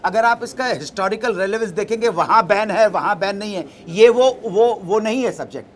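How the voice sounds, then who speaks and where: With a high voice, a middle-aged man responds to the press at a media event, walking through his answers deliberately and mixing in English words. A faint hiss or hum runs underneath.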